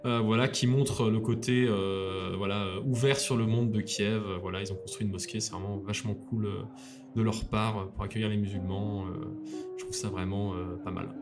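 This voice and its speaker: A man's voice: on the low side, fairly even intonation, normal speed, music in the background. A man co-hosting a casual podcast, presenting a city guide in a hesitant way with many fillers, dropping in dry jokes. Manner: hesitant, lots of fillers and restarts; dry joking asides.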